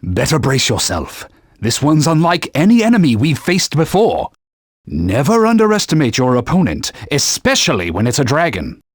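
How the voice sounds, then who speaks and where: Grave in mood, a man voices a video game's talking holy sword, a stern old knightly mentor giving formal speech and barking urgent warnings. His husky, commanding voice is fairly high with huge pitch swings at a normal speed. The game voice clips were recorded dry on a studio mic, with no echo.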